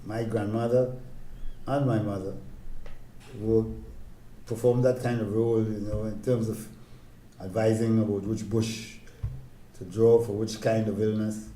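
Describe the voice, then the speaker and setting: An older man from Tobago with a Tobagonian accent, reminiscing in an interview in a calm, gentle, deliberate way. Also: lowish voice, a little hiss or hum. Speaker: interviewee, village elder sharing memories. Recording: roomy, echoing interview recording.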